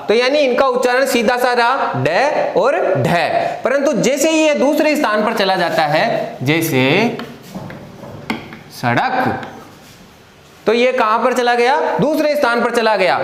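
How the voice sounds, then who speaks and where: A man's voice: very high-pitched, a bit bright, roomy sound. A man teaching Hindi grammar in an online lesson, explaining step by step and asking and answering his own questions.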